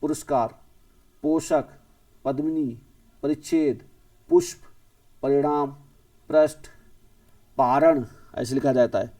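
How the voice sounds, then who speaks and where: A male teacher drills spelling words one by one and corrects each in the same breath. His voice sits a bit high for a man and is set back from the mic in a dry, dead room. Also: steady tone, slow, pauses often, dark tone, no room sound, distant mic. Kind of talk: exam-prep spelling lesson.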